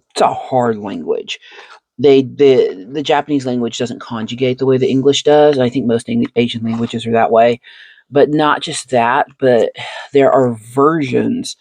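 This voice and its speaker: A channel host with a rumbling low, slightly mellow and somewhat rough voice sits sleeving cards while chatting casually. She is reflective and talkative, laughing often between thoughts, and the sound has no echo.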